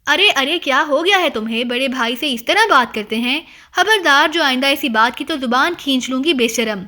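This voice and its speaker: A woman voicing an older mother who is quick to anger, speaking in a raised, sharp, scolding way. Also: high voice.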